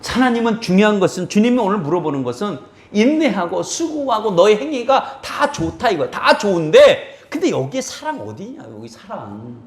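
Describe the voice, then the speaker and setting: Animated man preaching in an echoey church. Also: high voice, moderate pace, hardly any pauses. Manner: preaching with questions to the congregation and dramatic quoted voices. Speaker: pastor. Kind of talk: sermon. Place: church sanctuary.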